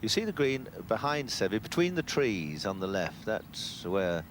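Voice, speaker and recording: A man giving live golf commentary in an unhurried, conversational way. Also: on the low side, sing-song. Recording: clear outdoor background noise.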